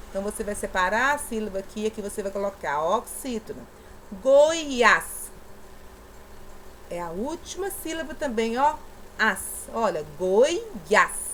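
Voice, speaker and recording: A woman from southeastern Brazil teaches a primary class in a recorded lesson. Her voice sits a little high, and she coaxes patiently and punches out syllables as she speaks. A faint hiss of background noise runs underneath. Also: low-quality recording. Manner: patient, coaxing, stresses syllables aloud.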